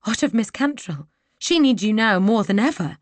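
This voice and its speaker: A woman's voice: mid-range voice, expressive, normal speed, no room sound, voice pushed up, natural voice. A woman voicing a proud, defiant young lady with a tense, pleading edge for an audiobook. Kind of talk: audiobook character voice.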